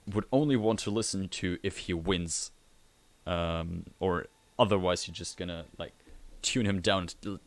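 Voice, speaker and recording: A man's voice: low-pitched, a bit bright. A man hosting a live stream, talking through match predictions in a casual, hesitant way with lots of restarts. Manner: hesitant, many fillers and restarts. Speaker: host of esports recap show. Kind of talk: casual esports prediction chat.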